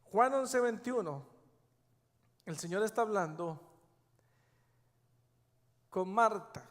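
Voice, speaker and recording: A man with a high voice preaches from the pulpit of a church. He stresses and repeats his key phrases, and his words ring on in the long reverb of the sanctuary. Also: animated, slow, a bit bright. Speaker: pastor. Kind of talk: sermon.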